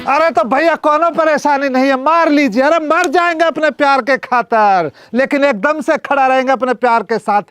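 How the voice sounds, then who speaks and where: A man doing a village conman, boastful, mocking, very high-pitched. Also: normal speed, few pauses, a bit bright. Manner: sweet-talking, boastful, mocking. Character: smooth-talking young male village conman. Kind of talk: village comedy sketch acting. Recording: music underneath.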